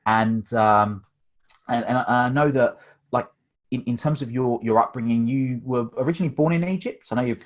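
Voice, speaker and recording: A man hosts a podcast interview in a mid-pitched voice. He asks his questions in a pragmatic, chatty way, leaning on fillers and restarts as he goes. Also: a little fast, dull audio. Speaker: podcast host and coach.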